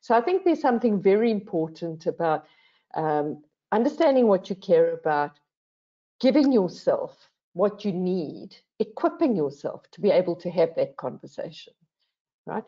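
Speaking at normal speed, an older woman on a panel uses a lowish, warm, very animated voice in a reflective discussion. She is earnest and emphatic, often asking herself questions and saying "right?". The recording is dull, lo-fi video call audio.

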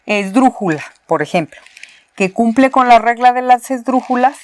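At the board in a recorded university spelling lesson, a Mexican woman with a slightly high voice walks through the material patiently and step by step, repeating key words. There is no echo.

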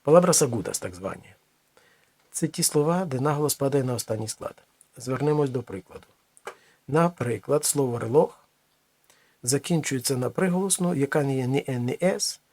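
A man teaching a language lesson, explaining slowly with many pauses and restarts. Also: medium pitch, animated, darkish tone, no room sound.

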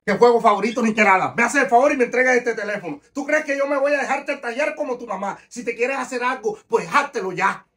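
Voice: medium pitch, fast, bright, forceful tone, reverberant. A performer playing a stern father in a home drama skit, demanding answers and giving orders.

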